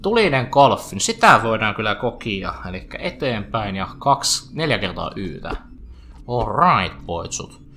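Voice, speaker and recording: A man's voice: on the low side, big pitch swings, bright, forceful tone, slight background noise. A man giving chatty, joking let's play commentary over a video game, with playful asides. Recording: faint game music behind.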